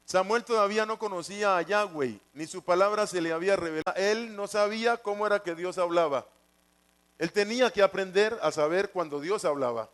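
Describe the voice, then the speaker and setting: A man's voice: high-pitched, brisk, fairly bright tone. A man preaching a sermon, repeating his points and putting questions to the congregation. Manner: repetitive, asks the congregation questions.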